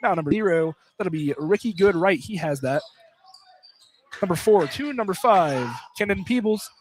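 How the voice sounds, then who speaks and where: A man's high, expressive voice at normal speed narrates live college basketball radio play-by-play from courtside in an indoor field house. Players are named by number in his clipped calls, and the broadcast carries plenty of gymnasium noise.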